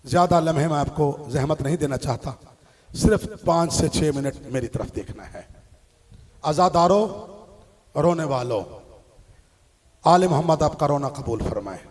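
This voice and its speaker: A man giving an impassioned Shia mourning sermon, with a drawn-out, lamenting, chant-like delivery. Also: fairly high pitch, darkish tone. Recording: long reverb of a large hall.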